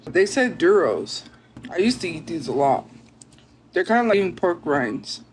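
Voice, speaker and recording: A woman's voice: fairly low pitch, sing-song, normal speed, slight background noise. A woman streamer chatting casually with her viewers and reacting to their comments. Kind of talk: casual livestream chat.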